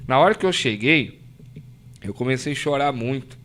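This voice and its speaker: A man's voice: mid-range voice, lively intonation, normal speed, a bit bright. A Brazilian man from the São Paulo interior, a podcast guest telling a faith story earnestly, often tagging "né?" and acting out what others said. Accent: Brazilian Portuguese, São Paulo interior. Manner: earnest storytelling, frequent "né?", acts out quoted voices. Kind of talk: emotional testimony in casual chat.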